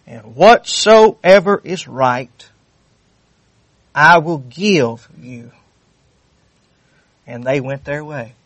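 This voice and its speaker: A man's voice: on the high side, expressive, drawn-out words, pauses often, dry recording. A man preaching a sermon, fervent and repetitive, reading scripture aloud with rising intensity. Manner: fervent, repeats phrases, reads scripture aloud.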